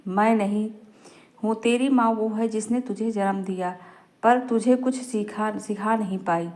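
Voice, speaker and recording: A woman's voice: mid-range voice, steady tone, unhurried, a little mellow, close to an everyday voice. A woman voicing an angry, stubborn old mother-in-law who scolds harshly. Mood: scolding.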